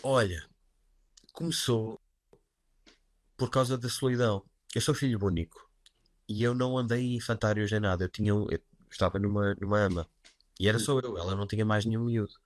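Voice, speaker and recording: Relaxed low-voiced man with a European Portuguese accent. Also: a little fast, pauses often, no room sound. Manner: relaxed, chatty, self-deprecating, with many fillers like "pá". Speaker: guest writer and writing teacher. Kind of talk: casual interview conversation.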